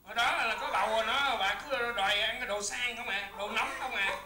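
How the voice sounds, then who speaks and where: A weary, complaining husband and father, acted by a woman in a comedy sketch. He scolds his wife and soothes a crying baby in turns, sighing all the while. The voice sits a little high, with a hollow echo and steady noise behind it. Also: a little fast. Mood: bickering. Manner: exasperated, sighing "trời ơi" complaints. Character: bickering husband and father of many children. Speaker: comic actor. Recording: echoey room with noise.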